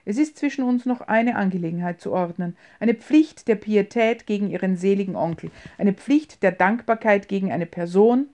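A woman's voice: medium pitch, normal speed, hardly any pauses, mellow, lightly acted. A woman voicing a small, proud old clerk in an audiobook reading, earnest and indignant, with clipped words.

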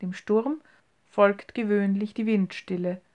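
A woman narrating a story in a measured reading voice, hushed at times. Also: medium pitch, steady tone. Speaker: audiobook narrator. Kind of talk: scripted narration.

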